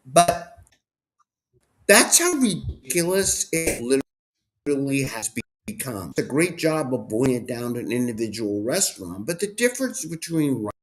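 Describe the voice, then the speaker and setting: A male talk show host ranting sarcastically about politics in an animated, mocking way. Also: mid-range voice.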